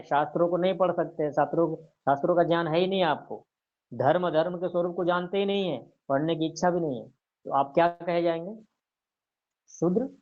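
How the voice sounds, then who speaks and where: A man with a fairly high voice gives a scripture lecture in a calm, explaining way. He keeps asking his listeners questions and answering them himself, and slows down to recite verses. The recording sounds dull and lo-fi. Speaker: teacher of scripture.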